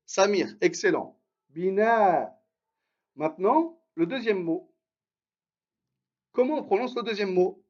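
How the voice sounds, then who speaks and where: High-voiced unhurried man teaching a lesson. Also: expressive, darkish tone, highs cut off. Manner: patient, drills syllables aloud and praises students by name. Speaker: Arabic teacher. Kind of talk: live online lesson.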